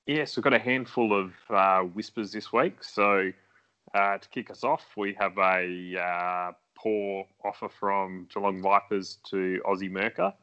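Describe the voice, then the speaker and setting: A man's voice: deep voice, steady tone, measured pace, bright, forceful tone, clean tone. A man co-hosting a casual fantasy football chat, easygoing and swearing casually. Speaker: podcast co-host. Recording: dull lo-fi sound.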